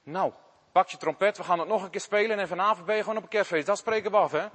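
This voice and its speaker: Kind old-fashioned teacher talking a kid round gently, man doing it, echoey hall. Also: high voice, fast, husky. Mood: encouraging. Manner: gentle, coaxing. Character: kind, patient male schoolteacher. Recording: long hall reverb.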